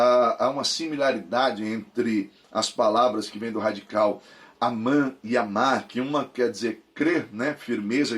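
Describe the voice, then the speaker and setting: A man's voice: medium pitch, fairly bright tone. Brazilian man in his thirties, mid-range voice, preaching a Bible lesson with fervent repetition. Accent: Brazilian Portuguese. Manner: fervent, repeats phrases for emphasis. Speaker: Bible course teacher.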